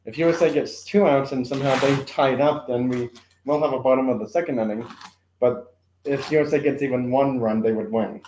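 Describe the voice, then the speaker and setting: A man with a medium-pitched, steady, slightly mellow voice speaks briskly as he rambles through casual live-stream commentary on toy car games from a room at home. He corrects himself a lot, fills in with plenty of "um" and asides, and coughs now and then. The audio is poor, with an echoey room and slight background noise.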